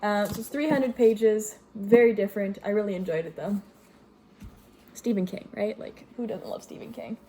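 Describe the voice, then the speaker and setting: At home with the washing machine going, a book vlogger, a young woman from Greece, gives a loose, chatty review of her recent reads. She speaks at a normal speed in a mellow, medium-pitched voice, filling pauses and often correcting herself.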